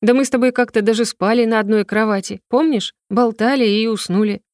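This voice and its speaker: A woman's voice: on the high side, fairly even intonation, brisk, a little mellow, dry recording, studio quality, pitched above the performer's own voice, natural voice. A woman doing a teasing young heroine. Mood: playful.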